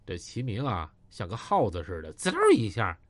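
A man with a Northeastern Mandarin accent telling a story in lively, colloquial style with wry asides. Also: lowish voice, moderate pace, no room sound. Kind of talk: oral storytelling in vernacular.

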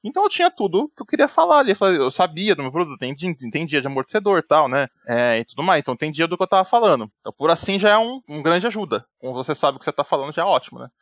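Podcast co-host, man, rapid rambling chat, slightly high gravelly voice, acts out quotes. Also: no room sound, highs cut off. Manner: rambling, peppers speech with "né" and "tipo", restarts often; animated, acts out quoted dialogue. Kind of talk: casual chat.

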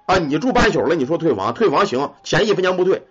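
A man's voice: on the high side, very animated, quick pace, breathy edge. Defensive hotel desk clerk, voiced by a man. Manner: curt, defensive. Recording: muffled lo-fi recording.

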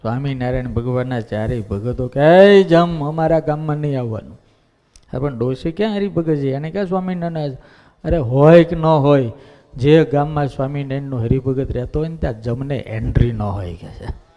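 A male monk giving a devotional storytelling sermon, lively and folksy, acting out the characters' voices. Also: mid-range voice, a little fast. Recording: dull lo-fi recording.

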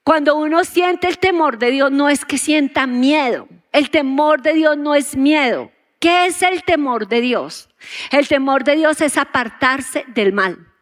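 A woman's voice: high voice, a little slow. A woman preaching a sermon to a congregation, asking them questions and acting out the prayers she quotes. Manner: asks the audience questions and acts out quoted prayers. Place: church auditorium. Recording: long hall reverb.

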